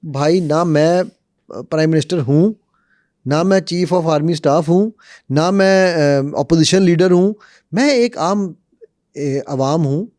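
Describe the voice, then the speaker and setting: A man appears as a guest on a podcast about conflict management, telling lively, animated stories and acting out the quotes. His voice is somewhat high, and the room is completely dry with no echo.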